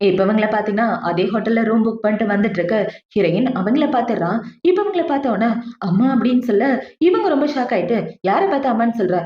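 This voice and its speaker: A woman recaps a drama in a brisk, chatty storytelling voice, talking straight to her listeners. Her voice is a little high. The room is echoey and the sound somewhat dull. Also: animated. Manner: fast, chatty retelling, addresses listeners.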